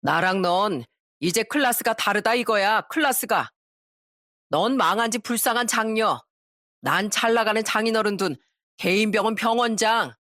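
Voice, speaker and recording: A woman's voice: medium pitch, normal speed, fairly bright tone, dry recording, clean studio sound, natural voice. Smug sneering young doctor, as a woman puts him on. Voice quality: sneering, boastful.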